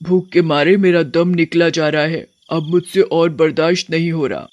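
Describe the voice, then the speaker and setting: A man's voice: on the high side, steady tone, moderate pace, no room sound, close to an everyday voice. An actor voicing a hungry, menacing female witch in a cartoon, suspicious and demanding. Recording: dull dry lo-fi sound.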